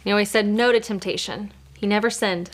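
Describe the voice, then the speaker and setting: A woman co-hosting a children's show, brisk and cheerful in scripted dialogue. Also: medium pitch, steady tone. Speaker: kids' show co-host.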